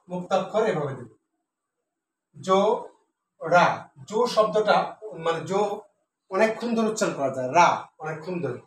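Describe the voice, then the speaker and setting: High-voiced male teacher, echoey room. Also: recorded from a distance, slight background noise. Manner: slow, syllable-by-syllable recitation and explanation. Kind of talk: classroom lesson on Bengali poetic meter.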